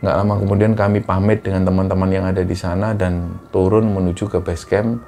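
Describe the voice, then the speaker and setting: A man's voice: sits low, fairly quick, a little hiss or hum. A man telling a hiking horror story casually, acting out the voices he quotes. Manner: animated, acts out quoted voices, fillers like "nah" and "gitu". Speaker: storyteller recounting a hike.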